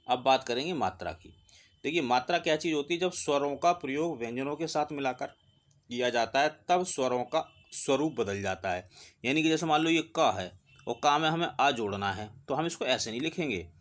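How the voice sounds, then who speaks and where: A man teaching an exam-prep class, explaining step by step, asking questions and then answering them himself. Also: medium pitch. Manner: explanatory, asks and answers his own questions.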